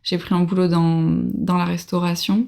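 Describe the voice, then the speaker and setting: A woman in her thirties from France, a podcast guest telling her travel story in a relaxed way, with fillers and laughs. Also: fairly low pitch, normal speed, vocal fry. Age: 30s. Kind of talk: casual podcast interview.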